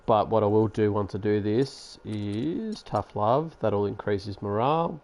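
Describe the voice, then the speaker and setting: A man's voice: lowish voice, unhurried, a little mellow. A man giving casual, sarcastic commentary while playing a basketball management game. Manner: chatty, sarcastic, grumbles at the game. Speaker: gaming YouTuber.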